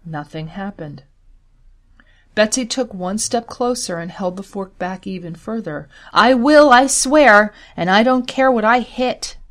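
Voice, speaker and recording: Measured woman reading a story aloud. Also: lowish voice, a little mellow. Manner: measured, slows on key details. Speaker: story reader. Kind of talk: scripted story narration.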